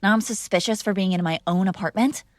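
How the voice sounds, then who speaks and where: A fast-talking young woman with a medium-pitched voice voices a mob boss's defiant, sarcastic daughter in an argument with her father. This scripted ASMR girlfriend roleplay has a dry recording.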